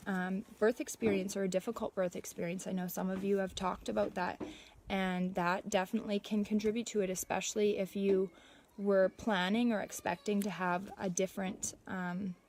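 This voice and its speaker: Mellow-voiced woman, casual and reassuring. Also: mid-range voice, slight background noise. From Canada. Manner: reassuring, conversational. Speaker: livestream host and mother speaking from personal experience. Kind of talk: casual informal livestream talk.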